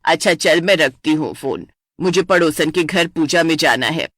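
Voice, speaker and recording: A woman voicing a teasing middle-aged mother in a cartoon story. She speaks lower and jokes bluntly. The sound is dry and close. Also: normal speed, a bit bright, no echo. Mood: joking. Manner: teasing, joking. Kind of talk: animated story voice acting.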